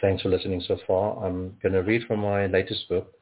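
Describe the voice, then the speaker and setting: Over tinny, phone-like audio, a poet from South Africa recites his own poetry. His voice sits low with a level tone, and he reads in a measured, rhythmic manner, pausing along the way.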